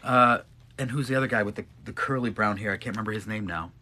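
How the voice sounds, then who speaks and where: A man with a bright, forward voice, talking casually as a live streamer about an awards trip. He keeps getting choked up and tearful, starting sentences over and over as he works through his feelings. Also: on the low side, quick pace. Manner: emotional, choking up at times, chatty with restarts. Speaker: live streamer, one of a couple. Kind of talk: casual chat answering follower questions.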